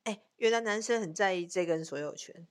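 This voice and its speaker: A woman co-hosting a frank, animated relationship chat and telling stories. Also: medium pitch, brisk. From Taiwan. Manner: animated storyteller, bursts of laughter. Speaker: co-host, tarot reader.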